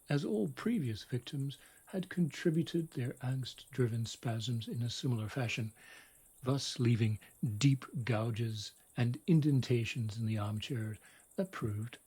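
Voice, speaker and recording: A middle-aged man tells a scripted bedtime story in a wry, dramatic, deliberate manner. His husky, a little mellow voice sits at medium pitch and often sinks to a whisper.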